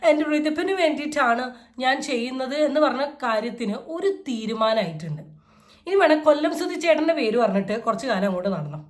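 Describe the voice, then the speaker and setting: A high-pitched woman hosts her own reaction vlog with quick, casual commentary. She is energetic and sarcastic, mocking as she talks. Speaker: vlogger hosting a reaction channel.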